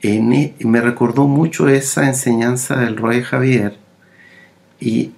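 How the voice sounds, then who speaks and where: Slow, gravelly male preacher. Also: medium pitch, steady tone, a little mellow. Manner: slow, halting delivery with many fillers and repeated words. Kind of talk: sermon.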